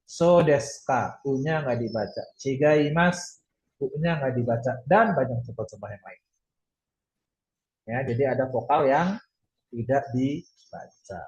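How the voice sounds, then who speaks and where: Pria guru bahasa, suara bergema dan agak redup. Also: male voice, medium pitch, normal speed, pauses often, reverberant, muffled recording. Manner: patient, repeats points with frequent "ya". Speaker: Japanese language teacher. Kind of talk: online class lecture.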